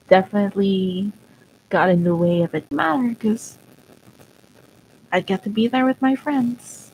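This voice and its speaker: Young woman streamer, unhurried and soft, sentimental and thoughtful, faint noise underneath. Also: medium pitch, steady tone, poor audio. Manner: soft, reflective and sentimental, with pauses and small laughs. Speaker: virtual streamer. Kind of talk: casual live-stream chat.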